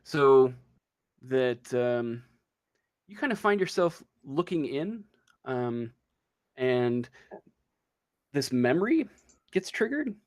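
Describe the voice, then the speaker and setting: A man serves as game master for a tabletop game, improvising the narration haltingly as he thinks aloud. His mid-range voice has a sing-song quality.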